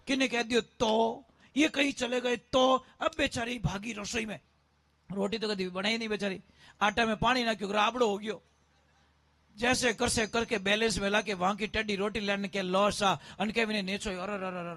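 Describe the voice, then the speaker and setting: High-voiced preacher acting out a story. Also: male voice, steady tone, moderate pace, a bit bright. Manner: acts out dialogue of husband, wife and mother. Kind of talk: sermon with acted-out folk story.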